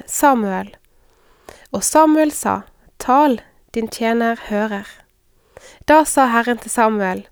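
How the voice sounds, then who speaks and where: A woman reading scripture aloud at a measured pace. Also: a little high, smooth, no room sound, studio quality. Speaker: scripture reader. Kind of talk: Bible reading.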